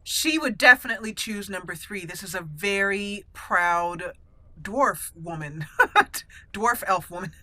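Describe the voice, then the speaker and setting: A woman hosting a let's play video reads game dialogue aloud in character, theatrically roleplaying while video game music plays behind her. Her medium-pitched voice is animated, slow, and pushed and bright. The recording is dry.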